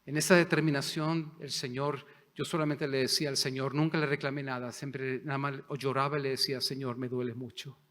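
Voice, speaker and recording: A man preaching a sermon as pastor, impassioned, swinging between loud declarations and hushed, near-whispered prayer. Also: medium pitch, level tone, fairly quick. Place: church sanctuary. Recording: long hall reverb.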